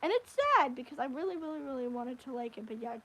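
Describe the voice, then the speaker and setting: A woman hosting a casual livestream, chatting about anime in a rambling, animated way. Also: sits high, fast, poor audio. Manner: rambling, animated, with frequent restarts and fillers. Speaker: livestream host. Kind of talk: casual anime review chat.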